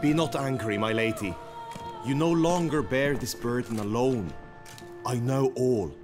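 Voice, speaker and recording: An actor playing an earnest, lovestruck knight with florid, chivalrous speech in a fantasy game. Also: male voice, medium pitch, measured pace, music in the background, close to an everyday voice. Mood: gallant, pleading. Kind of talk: dramatic fantasy game acting.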